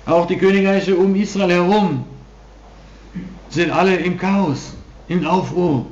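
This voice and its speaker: Male preacher, emphatic sermon delivery, slightly high voice, dull echoey hall sound. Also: steady tone, measured pace, a little mellow. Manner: emphatic preaching with frequent restarts. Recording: dull roomy hall recording.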